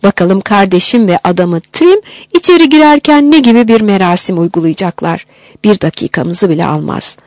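A woman's voice: medium pitch, animated, moderate pace, a little mellow, no echo, clean studio sound, natural voice. A woman voicing an irritable, pedantic father in an audiobook, lecturing in an exasperated tone. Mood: measured.

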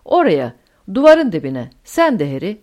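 A woman's voice: medium pitch, wildly swooping pitch, normal speed, darkish tone. Woman voicing a cold commanding woman. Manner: commanding, crisp orders.

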